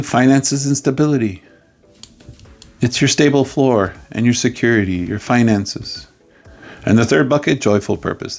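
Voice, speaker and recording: Guy coaching, gravelly voice, jokey and playful, faint music underneath. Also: lowish voice. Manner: playful, jokey storytelling with sudden loud outbursts. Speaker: life coach. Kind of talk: coaching talk.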